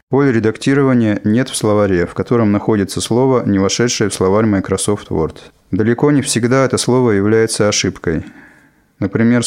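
A man reading scripted instructional narration as an instructor, in a measured, formal manner. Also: on the low side, darkish tone. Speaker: instructor narrating a software lesson.

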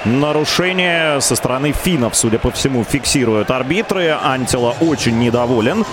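A man giving live radio play-by-play of hockey in a measured, descriptive, detailed way. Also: mid-range voice, lively intonation, background noise.

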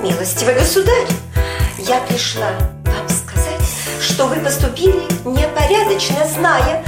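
A high, lively voice of a languid actress given to theatrical sighs, as a woman reads her. The sound is roomy and echoing, with music playing underneath. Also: a little slow. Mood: indignant. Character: languid melodramatic adult actress. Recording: echoey room with music behind.

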